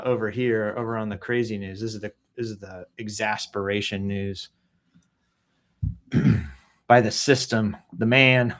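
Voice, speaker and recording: A man hosting a casual news read-through, joking around, clearing his throat often and making sound-effect noises between stories. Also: mid-range voice, a bit bright. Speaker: host reading the news.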